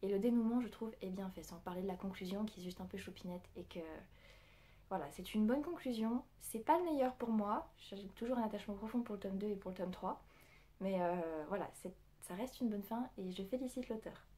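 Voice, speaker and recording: A woman's voice: medium pitch, a little fast, dark tone. A woman reviewing her month's books in a casual, chatty way, full of fillers and restarts. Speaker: book vlogger.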